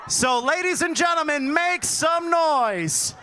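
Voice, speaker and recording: High-pitched booming lucha libre style ring announcer. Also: male voice, lively intonation, slight background noise. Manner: drawn-out shouted names, theatrical emphasis.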